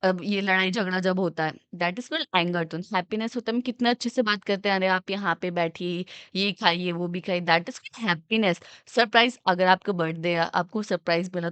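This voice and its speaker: A young woman teaching an exam-prep lesson. She explains with everyday examples she acts out, reads definitions slowly, and keeps checking "okay?". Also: medium pitch, a bit bright, clean tone, no echo. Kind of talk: exam-prep lecture mixing Hindi and English.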